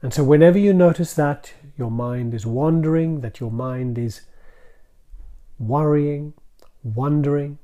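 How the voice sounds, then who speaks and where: A man guiding a calm grounding exercise in a gentle, soothing manner, leaving deliberate pauses between short phrases. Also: fairly high pitch. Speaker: mindfulness practice guide.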